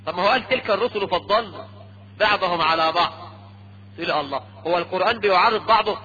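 A man preaching a lecture sermon in an Egyptian Arabic accent, lively and teasing, often checking his audience with a quick question. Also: sits high. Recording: dull lo-fi lecture tape with faint hum.

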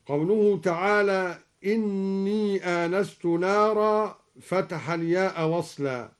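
Brief: male Quran readings teacher for radio, high voice, unhurried, measured explanation with chanted examples. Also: darkish tone. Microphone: broadcast studio microphone.

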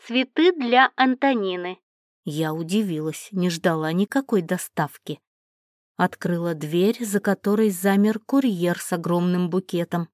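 A woman reading a first-person story aloud in a steady, measured way. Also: fairly low pitch, no room sound. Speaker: narrator. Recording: dry close recording.

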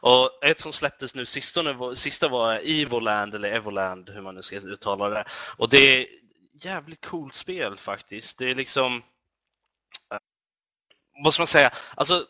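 Podcast guest, male, very bright dry voice, rambling and full of fillers. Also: medium pitch, no room sound. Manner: rambling, many fillers and restarts. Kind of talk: casual chat.

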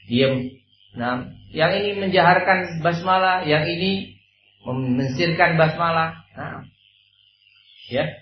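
Male preacher, animated Islamic study sermon, fairly high voice, dull echoey room recording. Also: a little hiss or hum. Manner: animated, acts out quoted dialogue, repeats a blessing phrase as filler.

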